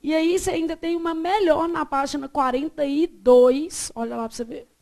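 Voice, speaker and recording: A Brazilian woman teaching a Portuguese class, quizzing her students and drawing words out slowly to show how they are said. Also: high-pitched. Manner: lively, asks the class questions and answers them herself; stretches words out slowly to model pronunciation. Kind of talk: classroom lecture.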